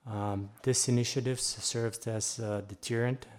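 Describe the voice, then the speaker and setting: A male police sergeant giving a formal report at a council meeting, with a halting, hesitant delivery. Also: medium pitch, fairly even intonation, a little mellow.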